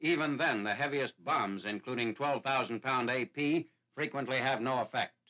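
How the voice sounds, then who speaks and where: In a formal, measured announcer's style, a man reads scripted wartime narration from an old 1940s newsreel. His mid-range voice is bright and forceful, and the film soundtrack is noisy and hissy.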